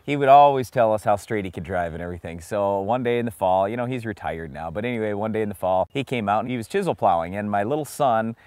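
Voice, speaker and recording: A man's voice: on the low side, lively intonation, fast talker, few pauses, a little mellow, clear, resonant tone, no room sound. A man in his forties co-hosting a farm show outdoors in a field, telling folksy stories in plain talk. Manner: folksy, plain-spoken storytelling.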